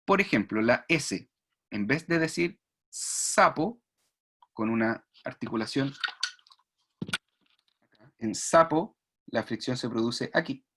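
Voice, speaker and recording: A man's voice: mid-range voice, animated, slow, long pauses, fairly bright tone. Guy teaching speech therapy over a video call, voice goes up and down a lot, keeps checking if you got it. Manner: explanatory, demonstrates sounds, asks "¿ya?" often. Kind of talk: online lecture.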